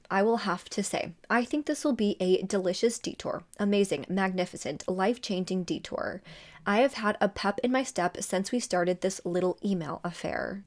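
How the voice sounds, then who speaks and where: A woman's voice: mid-range voice, darkish tone. Chatty woman telling a true crime case. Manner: conversational, chatty asides. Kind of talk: casual true crime storytelling.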